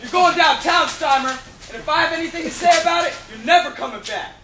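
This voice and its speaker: Menacing male cop as acted out, very high voice, fast, shouted threats, historical drama, echoey and distant. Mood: threatening. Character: menacing lawman arresting an activist. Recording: echoey, distant, faint noise.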